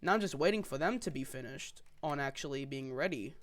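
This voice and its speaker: A man's voice: medium pitch, lively intonation, a little fast. A young man hosting a casual podcast, rambling and restarting his sentences while he plays a game. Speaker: podcast host. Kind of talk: casual chat. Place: home, gaming while talking.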